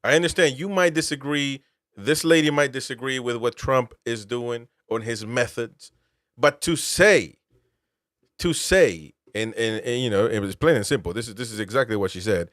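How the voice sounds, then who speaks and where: A man's voice: mid-range voice, fairly bright tone, no echo. Emphatic man from Peru, dry close mic. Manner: emphatic, incredulous rhetorical questions. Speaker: show host, military veteran. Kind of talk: political commentary.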